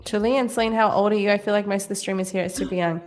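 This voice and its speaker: A woman in her twenties co-hosts a live trading stream, talking rapid-fire in a mid-range, fairly even voice. She chats casually, laughs often, and reads viewer comments aloud over faint music.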